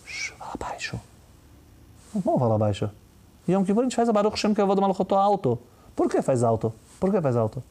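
A man with a Brazilian Portuguese accent giving a lively religious talk, full of rhetorical questions and quick mimicry. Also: high voice. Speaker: religious teacher. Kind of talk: lively sermon-style talk.

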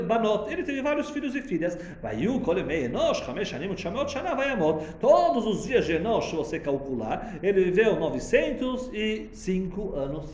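Animated man teaching Torah in an echoey room. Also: sits high. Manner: animated, chants Hebrew verses then translates. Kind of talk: storytelling Torah lesson.

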